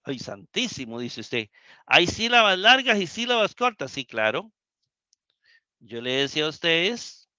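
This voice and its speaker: A man's voice: on the high side, big pitch swings, a little slow, sharp tone, dry recording, lo-fi sound. A man teaching Greek in a live class lecture. He repeats the key points and keeps asking the students questions.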